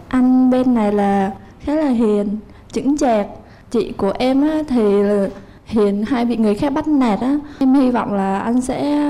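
Young woman, earnest and polite, higher but mellow voice. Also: poor audio. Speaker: contestant's younger sister. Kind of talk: speaking on a dating show.

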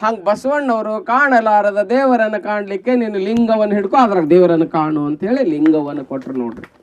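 High-voiced North Karnataka man preaching. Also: fairly quick, dull audio. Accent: North Karnataka Kannada. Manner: keeps asking the audience questions. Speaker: speaker at a children's devotional program. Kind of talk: devotional storytelling talk.

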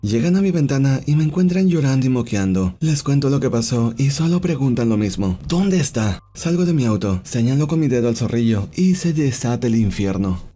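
A man narrating online stories in a scripted, animated way, slipping into the voices of the people he quotes. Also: medium pitch, a little fast, few pauses. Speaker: storyteller, channel host.

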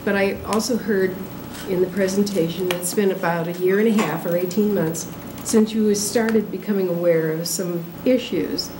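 A woman's voice: lowish voice, steady tone, normal speed. A woman on a city council pressing a presenter firmly on transparency. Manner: firm, pointed. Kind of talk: questioning at a public council meeting. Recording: echoey noisy council chamber.

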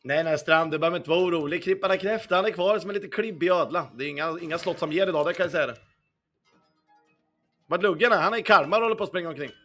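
A young man's bright, forceful voice, on the high side, leads a casual livestream of casino games. He answers viewer chat as he plays, swears often and hums along with faint music in the background.

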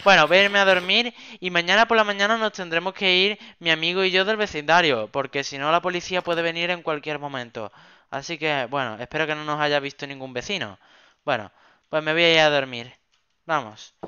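Bright high-voiced man gaming. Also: a little fast, clear, resonant tone, dull audio. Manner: excitable, chatty, repeats words. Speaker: gaming youtuber. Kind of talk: game role-play commentary.

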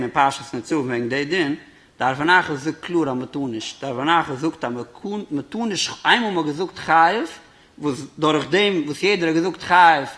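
A man's voice: a little high, pushed and bright. A man, a rabbi, giving a Torah lecture, reasoning aloud by posing questions and answering them.

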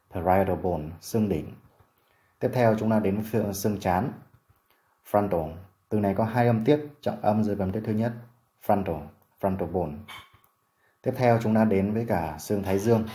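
A man teaching medical English vocabulary, slowing down carefully to model each pronunciation. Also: on the low side, dark tone, roomy sound. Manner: slow careful pronunciation drills. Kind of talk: vocabulary lesson.

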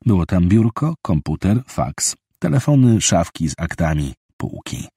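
A man narrating a thriller audiobook in a steady, measured storytelling voice. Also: deep voice, husky, no room sound, clean studio sound.

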